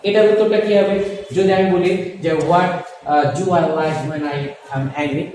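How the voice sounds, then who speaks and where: A man with a Bangladeshi accent teaching a classroom lesson, explaining slowly and repeating phrases as he asks questions and answers them. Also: sits high, darkish tone, very echoey, big-room sound, recorded from a distance, slight background noise, poor audio. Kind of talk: classroom lesson mixing Bengali and English.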